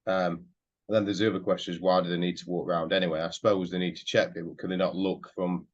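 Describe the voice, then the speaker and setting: A man hosting a podcast, talking casually and hesitantly, thinking aloud with many pauses. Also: low voice, flat delivery. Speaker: podcast host. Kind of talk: casual conversational interview. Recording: slightly dull lo-fi audio.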